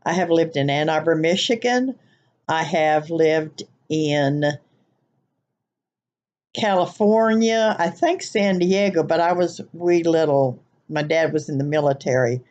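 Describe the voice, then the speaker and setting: An older woman vlogger from the American Midwest makes an accent tag video, chatting casually and a bit ramblingly to her webcam from her living room couch. Her low, darkish voice has lively intonation, and she takes it slowly with long pauses. The audio is dull, and her accent mixes Southern US with Wisconsin nasal twang.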